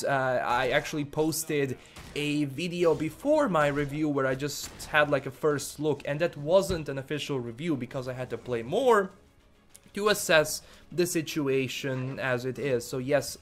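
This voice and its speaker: A man from Bosnia, hesitantly reviewing a game and answering viewer comments, full of fillers and repeated words. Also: a little high. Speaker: gaming YouTuber.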